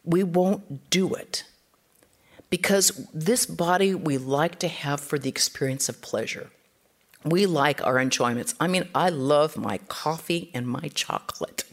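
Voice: medium pitch, unhurried. A spiritual teacher giving an informal talk, speaking conversationally and acting out the quotes in the stories.

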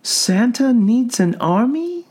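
A man doing a flat-voiced asylum doctor. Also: very high-pitched, husky, pitched above the performer's own voice, heavily acted. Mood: probing. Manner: flat, measured, soothing. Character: composed female asylum doctor, clinical.

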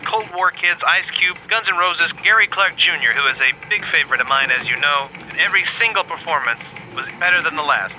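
Guy doing a quick bright chipper reporter, kinda muffled. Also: fairly high pitch. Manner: brisk and upbeat. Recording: dull lo-fi, faint noise.

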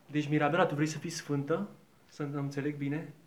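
A man's voice: a little high, flat delivery, lightly acted. A man playing a mock-solemn, patient Jesus who welcomes souls at heaven's gate in an improvised comedy sketch.

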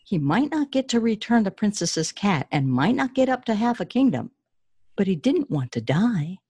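A woman's voice: medium pitch, sing-song, moderate pace, warm tone, husky, no echo. A woman author answering interview questions with enthusiasm, often restarting her sentences, then reading her children's story aloud.

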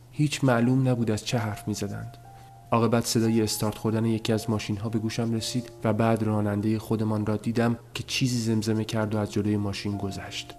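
A man narrating a story as an audiobook, in a measured, subdued telling. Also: lowish voice, flat delivery, a little mellow, faint music behind.

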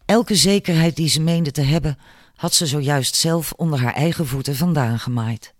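A man narrates an audiobook in a measured, expressive storytelling manner. His voice sits fairly high for a man. The recording is dry and close, with no room sound. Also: dry recording. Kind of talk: scripted narration.

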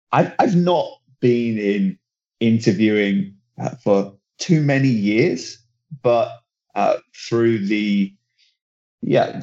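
A football reporter chats casually on a podcast in a medium-pitched, darkish voice, and the sound is lo-fi. Enthusiastic and rambling, he often restarts his sentences. German is his second language, not his first.

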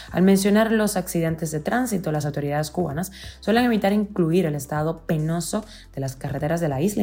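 Female news podcast host, low mellow voice, steady read, faint music bed. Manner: steady, clear news delivery. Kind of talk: news reading.

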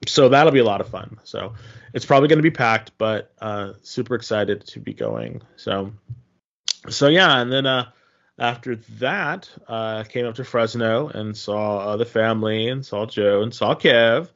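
A man co-hosting a podcast, chatting casually and haltingly, often repeating his phrases. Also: mid-range voice, a bit bright, muffled recording. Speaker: podcast co-host. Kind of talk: casual chat about games and trips.

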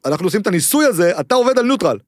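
A man's voice: high-pitched, sing-song, no echo, clean studio sound. A man, a sports journalist guest, explaining emphatically in casual chat, repeating his points and setting up hypotheticals.

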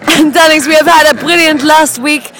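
A woman's voice: high-pitched, fairly even intonation, normal speed. A theatrical, effusive, slightly tipsy woman performer giving a casual audio update from a busy bar. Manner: theatrical, effusive, addressing listeners as darlings. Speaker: cabaret performer. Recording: loud music and crowd behind. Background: music and bar crowd.

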